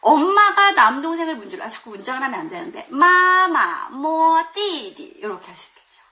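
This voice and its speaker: Woman language teacher, live online class, animated pitch, bright clear tone, laughs often and drills sounds out loud. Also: rapid-fire. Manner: lively, demonstrates sounds loudly with exaggerated tones; laughs often, talks directly to viewers. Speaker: Chinese teacher. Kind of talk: live online pronunciation lesson.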